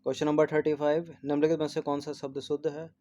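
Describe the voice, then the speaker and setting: Guy teaching spelling for an exam, flat monotone, warm dark voice, keeps repeating each word. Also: a little high, fast, a little hiss or hum. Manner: mixes English numbers and terms into Hindi. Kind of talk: exam test-series answer walkthrough.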